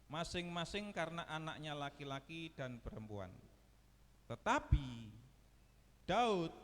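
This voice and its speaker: A man preaching a sermon as pastor, swinging between loud and soft and asking the congregation questions. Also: high-pitched, in a large hall. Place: church hall.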